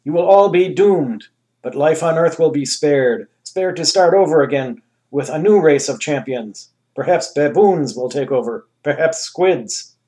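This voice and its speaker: With a dark tone and an animated delivery on the high side, a man portrays a talking anus who acts as a grandiose ruler in a comic story. The booming character thunders slow, commanding declarations.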